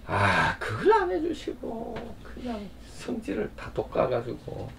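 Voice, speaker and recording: A man pastor preaching a sermon in a conversational way, prompting listeners often and swinging between loud bursts and quiet asides. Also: sits high, huge pitch swings, measured pace, gravelly, noisy background.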